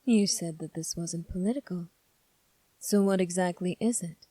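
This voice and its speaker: A woman plays a sly young prince in an ASMR-style audio drama, her soft, mellow voice pitched low for a woman and recorded very dry and close. He speaks formally, calmly and with measured control, probing and teasing with a faintly sadistic edge. The voice sounds natural, and the mood is coolly probing.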